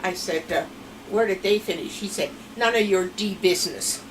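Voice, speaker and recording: An interviewed grandmother, a woman in her seventies with a Pennsylvania Dutch accent, casually rambles through family stories in her home. She speaks at medium pitch and normal speed, and the distant mic captures clear background noise.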